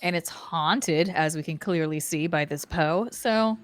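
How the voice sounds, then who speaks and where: A woman's voice: sits low, measured pace, no room sound, soft background music. A woman streamer chatting casually and curiously while playing a game. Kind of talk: casual let's-play chat.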